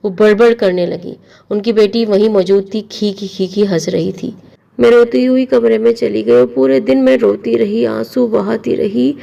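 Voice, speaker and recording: Gravelly-voiced woman telling a story. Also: on the high side, warm tone, far from the mic, lo-fi sound. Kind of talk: first-person story narration.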